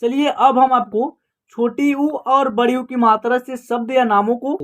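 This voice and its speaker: A woman's voice: a little high, fairly even intonation. A woman teaching an online class in Hindi, spelling out words step by step and asking and answering her own questions. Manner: asks and answers her own questions, repeats each word slowly.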